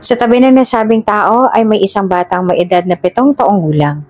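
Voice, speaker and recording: A woman's voice: medium pitch, brisk, darkish tone. Woman reading a drama story aloud. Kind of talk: scripted story narration.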